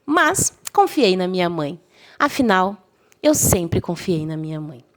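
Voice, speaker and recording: A woman's voice: lowish voice, very animated, unhurried. Young woman telling a dramatic story. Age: young adult. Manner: emotional, voices quoted friends and mother lightly. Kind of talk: first-person story narration.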